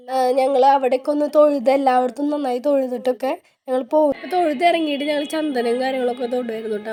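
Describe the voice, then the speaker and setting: A woman's voice: high-pitched, warm tone. A young woman vlogging in a casual, chatty way with a Thrissur Malayalam accent, her voice a little worn after a fever, speaking into a phone camera set down nearby. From Kerala, India. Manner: chatty, ends sentences with tag words. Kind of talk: casual vlog narration. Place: home work area, then temple grounds.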